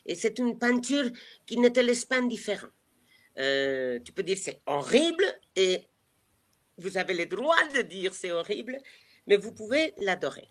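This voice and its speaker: A woman's voice: mid-range voice, sing-song, a little slow. A woman from Mexico, whose first language is Spanish, speaking with a Mexican Spanish accent as a chatty, hesitant guide on a live virtual tour over a video call. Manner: chatty, hesitant, many fillers and restarts.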